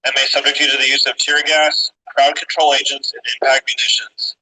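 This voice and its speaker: Guy reading a police order off a sound cannon, far away, super flat monotone, harsh bright tone. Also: mid-range voice, fairly quick. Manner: flat, repeated official warning. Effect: blasted over an LRAD sound cannon. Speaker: police dispersal announcer. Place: outdoors on a city street. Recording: distant outdoor loudspeaker blare.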